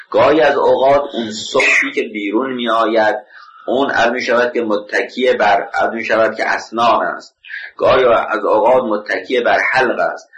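A male teacher delivers a scholarly lecture in a low, forceful, bright voice. He talks deliberately, falls back on the same stock filler phrases, and keeps pausing to check that his listeners are following. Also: rough recording. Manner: often checks understanding with the class.

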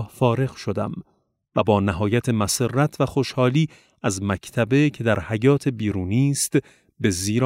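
A man reading religious memoir passages aloud in a measured, solemn way. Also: medium pitch, darkish tone, no echo, clean studio sound. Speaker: reader.

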